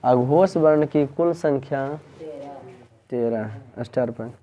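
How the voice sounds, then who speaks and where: A man's voice: mid-range voice, slow pace, dull audio. A man, teaching a grammar lesson in a tuition classroom and asking students the same questions again and again. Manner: drills students with repeated questions.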